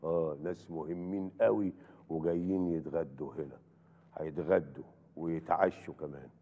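A man with an Egyptian accent playing a boastful, flattering rich man who hosts feasts in a TV drama. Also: very deep voice, normal speed, narrow, tinny audio. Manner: smooth-talking, flattering, boastful. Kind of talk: TV series acting.

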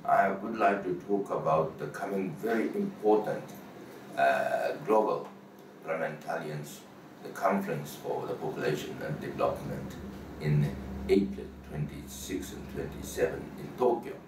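An older man with a Japanese accent delivers a formal address in a very low, deep voice, pausing often between phrases. He sounds distant from the microphone in a roomy space, with a noisy hiss underneath. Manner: measured, halting delivery with frequent pauses. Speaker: parliamentary association chair. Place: indoor room before a banner.

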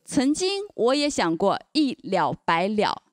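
A woman's voice: mid-range voice, sing-song, measured pace, dry recording, clean studio sound. A woman presenting a competition show as its host, speaking into a handheld microphone. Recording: music playing behind the voice.

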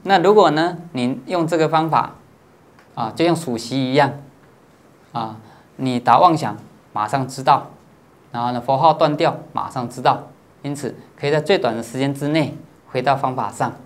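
Patient male Buddhist teacher giving a dharma lecture. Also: medium pitch. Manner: patient, explanatory, checks understanding with listeners; peppers phrases with drawn-out filler particles.

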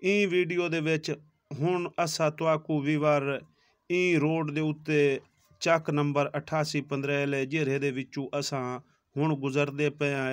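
A Punjabi man from Pakistan in his thirties narrates a casual village vlog on a phone held at arm's length, walking village roads and then entering a shoe shop. He talks straight to his audience, saying "viewers" again and again. His voice is on the high side, with no room sound.

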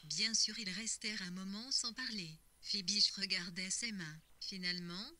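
Brief: female audiobook narrator, very bright tone, steady even read. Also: medium pitch, moderate pace, a little hiss or hum. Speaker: reader.

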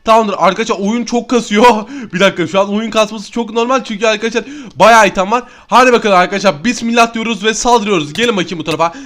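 Excitable fast-talking young gaming man. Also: sits high. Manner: excitable, keeps addressing viewers as friends. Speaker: gaming YouTuber. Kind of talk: excited let's-play commentary.

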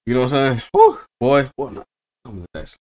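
A man's voice: mid-range voice, wildly swooping pitch, a little fast, a little mellow. A tired young man casually reacting to a video late at night, laid-back and slangy, swearing freely and calling everyone bro. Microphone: own microphone.

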